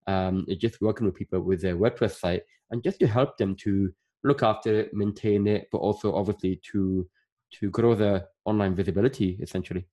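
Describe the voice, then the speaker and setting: A man in his thirties from Northern Ireland talks in a fairly low voice as a podcast guest. He chats casually and rambles, filling his talk with lots of filler phrases. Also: fairly even intonation, fairly quick, dark tone. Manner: chatty, rambling with many fillers. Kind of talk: casual interview chat.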